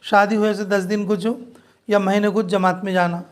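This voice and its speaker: An Islamic preacher with a high-sitting voice gives an informal sermon to a women's group at normal speed and a level tone. He repeats his points in earnest exhortation, appealing directly to his listeners.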